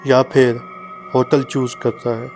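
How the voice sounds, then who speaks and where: Man reading creepy old receptionist, dry and unhurried, storybook horror. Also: mid-range voice, level tone, darkish tone, faint music behind, natural voice. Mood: menacing. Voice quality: dry, slow voice. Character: creepy old male hotel receptionist, sinister.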